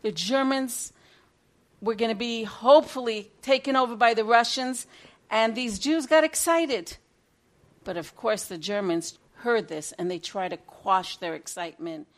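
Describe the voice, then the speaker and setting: A woman teaching through a dramatic story, her voice swinging between loud bursts and hushed passages. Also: fairly high pitch, measured pace.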